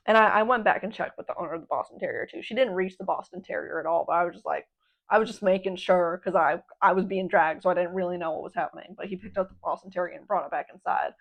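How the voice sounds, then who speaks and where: A woman's voice: on the low side, fast, gravelly. Young woman, rambling casual podcast chat. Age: young adult. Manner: rambling, slangy, swears freely; laughs between remarks. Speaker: podcast host.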